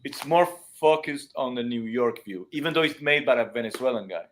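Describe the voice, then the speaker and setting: A man's voice: mid-range voice, lively intonation, brisk, a bit bright, a little hiss or hum. Man explaining with restarts, non-native accent. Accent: non-native English speaker. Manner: explains with everyday comparisons, many restarts. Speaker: dance and music teacher; guest. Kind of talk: casual live-stream chat. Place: room at home with cameras.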